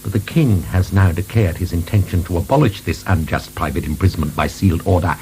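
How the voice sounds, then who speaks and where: A man's voice: low voice, brisk, dark tone, rough recording. A man acting in a radio drama as a proud, sardonic, indignant imprisoned French marquis, declaiming theatrically. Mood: coldly insistent. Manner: theatrical, declamatory, swinging from wry to outraged. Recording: faint hiss, 1990 radio broadcast.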